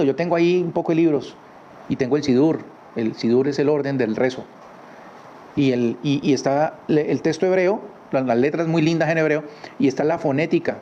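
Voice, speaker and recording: A man's voice: on the high side, dark tone. Man, casual religious teaching, conversational tag questions, muffled lo-fi sound, light hiss. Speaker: Torah teacher. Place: his home. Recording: slightly dull recording with faint background noise.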